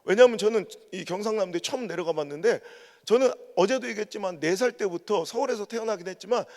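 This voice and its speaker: A man's voice: sits high, fast. A man preaching a revival sermon as a pastor, telling humorous stories with mimicked dialect quotes. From Korea, raised in Chungcheong. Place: large church sanctuary. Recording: long church reverb.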